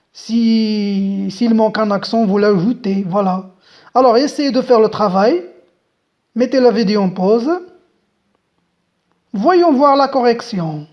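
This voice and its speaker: A woman's voice: a little high, darkish tone. A woman teaching a French grammar lesson, patiently spelling out letters and talking straight to the viewers. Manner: slow, deliberate, spells out letters; patient, addresses viewers directly.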